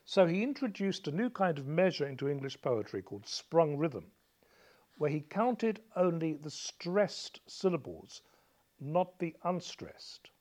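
A man's voice: fairly high pitch, sing-song, measured pace, darkish tone. A male teacher patiently explains a poem's rhythm to a student, chanting beats and counting syllables aloud.

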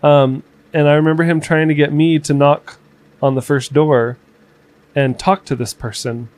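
A man in his twenties chatting casually as podcast co-host, reflective and halting, with fillers and restarts. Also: on the high side, level tone, darkish tone. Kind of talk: casual conversation.

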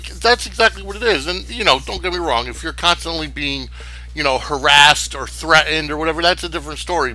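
A man's voice: on the high side, sharp tone, rough recording. A man hosting a sports podcast solo, talking casually in a rambling, opinionated way. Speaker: sports wrestling podcast host.

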